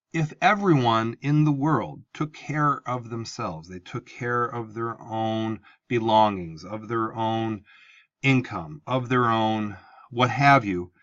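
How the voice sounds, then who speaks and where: A man's voice: medium pitch, a bit bright, muffled recording. A male teacher giving a conversational lecture to his class, explaining ideas step by step. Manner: explanatory, conversational, asks for an open mind.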